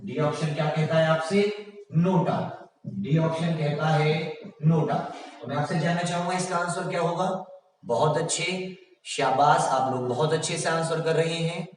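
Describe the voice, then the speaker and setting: A man teaching a general science class online, reading out quiz options slowly and praising his students often. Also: fairly high pitch, heavy reverb, in a large hall, recorded from a distance, rough recording.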